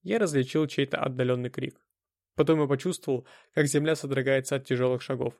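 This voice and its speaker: A man reads a first-person audiobook in a measured, steady way. His voice has a gravelly edge and sits at a middle pitch. The recording is dry and close. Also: no room sound. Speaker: audiobook narrator.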